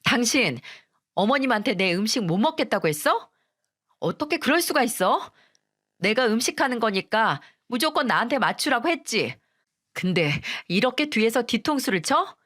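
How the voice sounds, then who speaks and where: Woman doing a blunt quick-tempered daughter-in-law. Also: fairly high pitch, very animated. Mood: angry. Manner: sharp, defiant.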